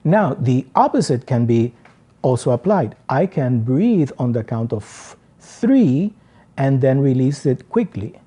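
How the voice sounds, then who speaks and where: Slow, mellow-voiced male singing teacher. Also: medium pitch, very animated, husky. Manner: slow, deliberate explanations with counted breathing demonstrations. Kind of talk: vocal lesson.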